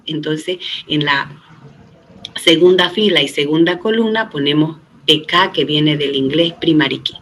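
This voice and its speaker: A man's voice: a little high, a bit bright, rough recording. A middle-aged man giving a recorded database lecture, explaining step by step. He often checks in with the students and says 'este' as a filler. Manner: patient step-by-step explaining, with frequent tag questions to students; uses 'este' as a filler and often restarts words. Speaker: database teacher.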